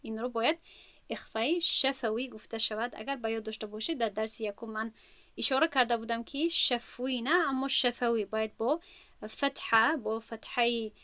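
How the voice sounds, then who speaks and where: Woman teacher going over recitation rules, kinda high voice, dry close sound, patient and careful. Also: bright, forceful tone, dry recording. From Central Asia. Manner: explanatory, patient, slow drawn-out recitation of examples. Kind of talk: tajweed lesson explaining rules with recited examples.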